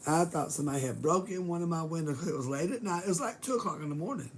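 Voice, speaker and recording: A middle-aged woman, her voice nearly gone, talks fast and expressively to her livestream audience from her bedroom, greeting them in a rambling, casual way. Her hoarse, low-pitched voice sometimes drops to a whisper, she swears casually, and there's slight background noise.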